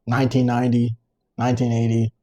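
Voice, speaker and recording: A man co-hosting a podcast in casual chat, ranting in an animated, sarcastic way. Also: medium pitch, quick pace. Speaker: podcast co-host.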